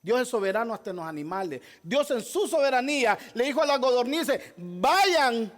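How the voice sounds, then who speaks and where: A man's voice: extremely high pitch, brisk. A male pastor preaching a sermon, emphatic, firing rhetorical questions at the congregation and repeating key phrases. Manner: repeats key phrases, addresses listeners as brother.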